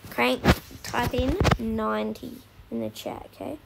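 A woman giving casual, excitable commentary while streaming a game, repeating herself and talking to her chat. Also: on the high side, unhurried, gravelly, very noisy.

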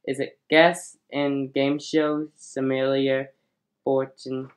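A woman's voice: a bass voice, little pitch movement, slow. A woman hosting a playful pretend game show, rambling and stumbling over the questions as she reads.

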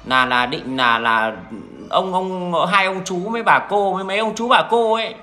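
A man's voice: sits high, normal speed, bright, forceful tone, soft background music. A man with a Northern Vietnamese accent, talking to his viewers in a blunt, crude, rambling monologue full of restarts. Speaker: vlogger addressing viewers.

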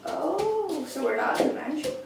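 A woman's voice: high voice, moderate pace, creaky, crowd noise, heavily acted. A young woman as Toby, a hyper goofy young male villain. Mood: giddy. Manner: bubbly, scatterbrained, excitable. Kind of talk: fan cosplay skit. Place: home kitchen, indoors. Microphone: far camera. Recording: roomy kitchen, far camera, noisy.

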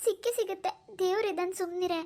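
Cartoon role: high-voiced middle-aged mom, soothing and guilt-ridden, played by a woman. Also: steady tone, fast, a little mellow. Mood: consoling. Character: middle-aged mother, comforting her daughter. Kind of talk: cartoon voice acting.

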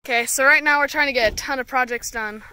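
Her voice high-pitched and quick, a woman explains her farm projects mid-task in a relaxed outdoor vlog. It's shot on a handheld phone, with slight background noise.

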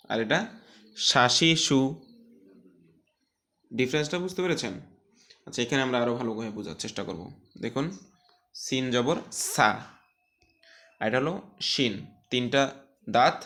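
A man teaching an online Quran recitation class, drawing out syllables for students to repeat and explaining calmly between drills. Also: mid-range voice. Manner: slow, drawn-out syllable drills with louder repetitions.

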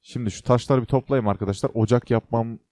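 A man's voice: medium pitch, fairly even intonation, quick pace, warm tone, no room sound. A young man hosting a casual game let's play, chatting to viewers and to the creatures on screen with joking exclamations. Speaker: gaming channel host.

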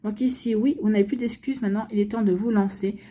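A woman's voice: medium pitch, steady tone, quick pace, mellow, husky. A woman giving a chatty weekly tarot reading for star signs, full of fillers, restarts and repeated phrases. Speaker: tarot reader. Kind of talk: weekly astrology card reading.

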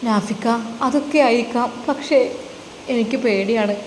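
A woman's voice: on the high side, normal speed, a little mellow, echoey room, in a large hall, a little hiss or hum, lightly acted, rough recording. A woman voicing a frightened young pregnant wife who pleads tearfully with her husband. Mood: pleading fearful.

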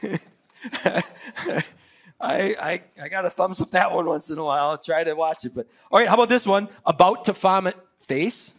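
A man's voice: high-pitched, normal speed, fairly bright tone. A man preaching a sermon as pastor, leading the church in a playful audience exercise. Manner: upbeat, leads audience participation with laughs.

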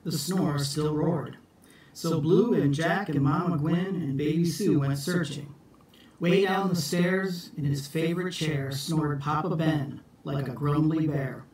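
A middle-aged man reads a children's picture book aloud for schoolchildren at storytime, slow, deliberate and theatrically expressive. His voice is on the high side and a little mellow, recorded indoors in a small echoey room at home on a distant phone mic.

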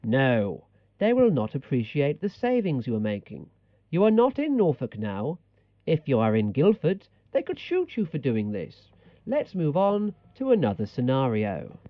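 A man's voice: on the high side, no room sound, muffled recording. A man playing a bossy, exasperated language-tape instructor in scripted comedy narration.

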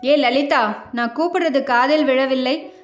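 A woman's voice: high-pitched, measured pace. A woman voicing a hungry, short-tempered young husband who talks in a harsh, scolding way in a storybook reading. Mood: irritated.

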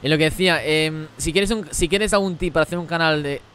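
Fast-talking gaming streamer, man. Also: a little high, a bit bright, clean tone. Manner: rapid-fire talk while reading chat. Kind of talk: live gameplay stream chat.

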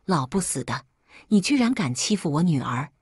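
A fierce, protective middle-aged mother, voiced by a woman who scolds with indignation. The voice is low and husky, recorded close and dry. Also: big pitch swings, normal speed, darkish tone, no room sound, full character voice. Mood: indignant.

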